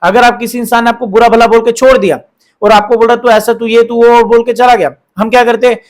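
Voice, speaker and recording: A man's voice: extremely high pitch, level tone, fast talker. A man hosting a relationship advice talk, lecturing viewers in a repetitive style full of rhetorical questions and quoted examples.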